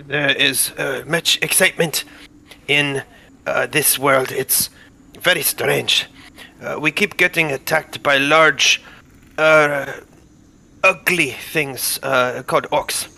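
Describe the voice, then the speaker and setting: A man playing a solemn adventurer who speaks in halting, broken phrases in a tabletop game. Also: a little high, creaky, sharp tone, heavily acted. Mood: earnest. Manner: halting, broken grammar, earnest.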